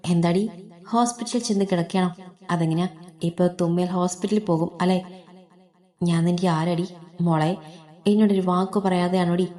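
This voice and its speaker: A woman's voice: on the low side, steady tone, moderate pace, pauses often, warm tone, natural voice. A woman reading the part of a harsh husband who scolds and belittles his wife. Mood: scolding.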